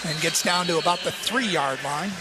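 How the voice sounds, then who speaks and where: A man's voice: a little high, moderate pace, heavy background noise. A man calling live football play-by-play in clipped, present-tense phrases. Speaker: play-by-play announcer.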